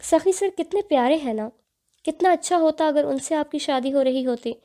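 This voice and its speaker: A woman's voice: high voice, dark tone, pitched above the performer's own voice, lightly acted. A woman voicing a cheeky, chatty younger sister in a storybook reading. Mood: pouting.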